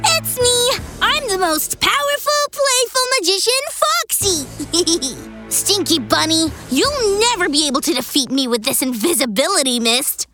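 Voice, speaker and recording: A woman's voice: very high voice, animated, a little slow. A woman voicing a mischievous, boastful young male fox magician in a children's cartoon, teasing and gleeful. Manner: gleeful teasing, brags loudly, giggles. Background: children's music.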